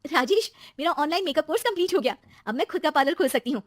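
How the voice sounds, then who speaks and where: Excitable, easily aggrieved young wife for a family story, female performer; high pitch, expressive, dry recording. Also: fast talker, no echo. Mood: excited. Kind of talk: acted story dialogue.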